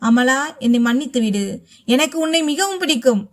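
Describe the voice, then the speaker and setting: A scheming, money-hungry young husband from a spoken storybook tale, as a woman narrator puts him on. The voice is dropped low and clipped but keeps a high edge. It sounds cold and brusque. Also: expressive, normal speed. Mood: curt.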